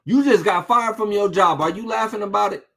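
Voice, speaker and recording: A man preaching an informal sermon, reading scripture slowly and talking to listeners in a street-casual way, full of rhetorical questions. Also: high-pitched, gravelly, fairly bright tone. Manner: reads scripture slowly and deliberately.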